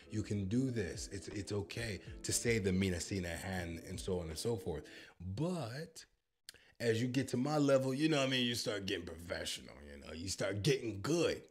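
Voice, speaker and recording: Fairly low-pitched and American-accented, a man in his thirties from the United States gives playful reaction commentary on a language-learning app, joking and boasting throughout. He talks into a handheld mic in a home studio with purple lighting.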